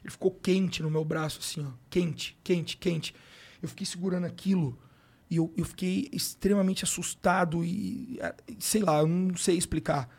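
This man, a sports coach guesting on a podcast, has a high-pitched voice that is gravelly, a little mellow, and breathy at the edges. Speaking at normal speed with fairly even intonation and a Brazilian Portuguese accent, he tells a personal story. He's emotional and slangy, leaning on fillers like "cara" and "brother."

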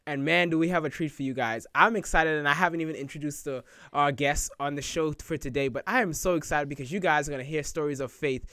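A slightly high-voiced man hosts a faith podcast with upbeat, effusive energy. He welcomes listeners warmly in words and leads into the guest's story. The recording is close and dry. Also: quick pace, hardly any pauses, clean tone, dry recording. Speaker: podcast host.

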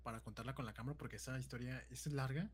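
A man's voice: medium pitch, steady tone, fast, breathy edge. A man, a podcast guest in casual chat who repeats words for emphasis.

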